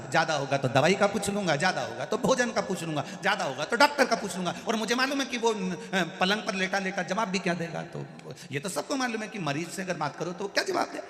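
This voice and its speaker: A man playing a stubborn, hard-of-hearing old grandfather who shouts cheerfully without noticing. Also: high voice, animated, brisk, few pauses, voice pushed up, heavily acted. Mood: insistent. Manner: shouts, pushy, cheerfully oblivious. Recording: echoey hall with faint music.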